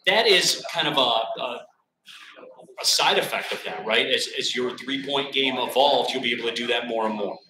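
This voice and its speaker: A young man hosting a sports radio interview live from a bar, upbeat and energetic. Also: medium pitch, crowd noise. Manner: energetic, upbeat, fast bursts. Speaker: radio play-by-play announcer hosting. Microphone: table mic. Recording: roomy bar sound.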